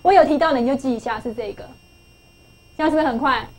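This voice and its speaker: A woman's voice: sits high, fast, husky, rough recording. A middle-aged woman teaching English phonics to a class, coaxing pupils with questions and repeating key phrases.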